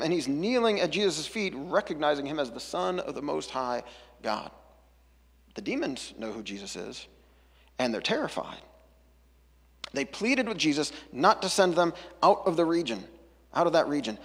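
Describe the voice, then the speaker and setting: A man's voice: a little high, big pitch swings, moderate pace, husky, long reverb tail. A man preaching a casual, chatty sermon, breaking off into jokey asides and back. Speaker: pastor. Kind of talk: conversational sermon.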